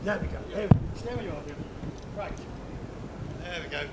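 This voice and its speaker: A man moderating a conference panel, brisk and quick to interject. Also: high-pitched, vocal fry. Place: conference hall. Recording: noisy conference hall.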